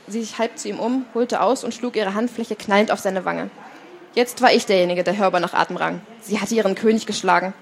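A woman reading a chapter of a novel aloud to a live audience at a fair stand, in steady storytelling. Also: medium pitch, slight background noise. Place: book fair stand, indoors.

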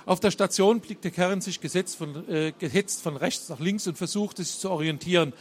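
A man reading and retelling a thriller, halting with many fillers and self-corrections. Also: high-pitched, a little hiss or hum. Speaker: storyteller.

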